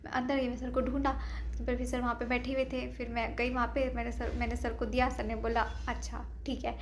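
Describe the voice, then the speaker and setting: A young woman, a medical student, casually telling a story and acting out what others said in animated quotes. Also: on the high side, a little fast, faint music behind. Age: young adult. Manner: animated, quotes others in lively acted voices.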